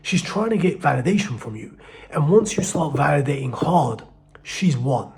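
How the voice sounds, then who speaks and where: A man giving blunt, profane dating advice in a casual monologue, swinging between loud emphasis and low muttering. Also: expressive, moderate pace, gravelly.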